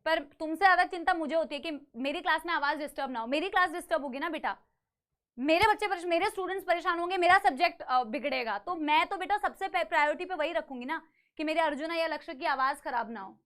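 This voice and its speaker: A woman's voice: very high-pitched, fast talker, a bit bright. A young woman teaching a live online biology class with a sore throat, mixing English terms into Hindi, often checking with "theek hai?" and calling students "beta".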